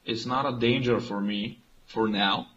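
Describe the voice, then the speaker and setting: A man from Bulgaria, a native Bulgarian speaker, calmly and methodically explaining his moves in a strategy board game. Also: lowish voice, measured pace, highs cut off. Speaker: player. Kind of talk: let's play commentary.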